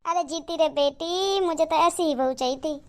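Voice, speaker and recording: Woman voicing a high, slow old mother-in-law. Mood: fond. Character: old village mother-in-law, doting and kindly. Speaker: cartoon voice. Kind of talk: cartoon moral story acting.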